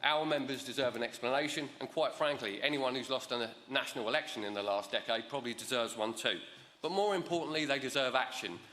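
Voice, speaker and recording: A man's voice: medium pitch, quick pace, sharp tone. A man giving an emphatic, persuasive conference speech as a union delegate, with rhetorical lists and informal turns of phrase. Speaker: union delegate moving a motion. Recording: echoey conference hall, long reverb.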